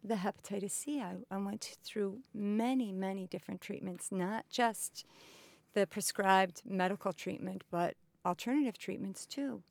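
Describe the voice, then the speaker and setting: A woman in her fifties, a patient advocate, answering interview questions in a slow, halting way with many pauses and fillers. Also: mid-range voice, gravelly, darkish tone, no echo. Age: 50s. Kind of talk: recorded interview. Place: indoors, cultural center.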